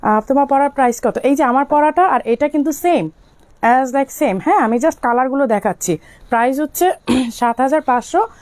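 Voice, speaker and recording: A young woman from Bangladesh, slightly hoarse and coughing from illness, chatting with viewers as she sells on a live stream and answers their comments. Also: high-pitched, a little mellow, dry recording. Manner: speaks slowly to spare her voice. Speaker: online shop owner selling on a live stream. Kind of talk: live-stream sales talk.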